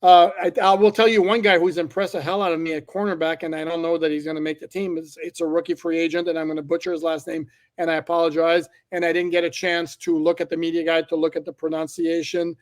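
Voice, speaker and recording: Flat-voiced man giving blunt opinions. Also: a little high, fast, hardly any pauses. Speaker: newspaper reporter guest. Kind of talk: casual sports talk.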